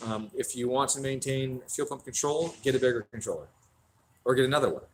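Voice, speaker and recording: A man's voice: mid-range voice, fairly quick, a little hiss or hum. A man hosting a casual stream from a tuning shop, swearing freely and answering viewer questions. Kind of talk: casual livestream chat.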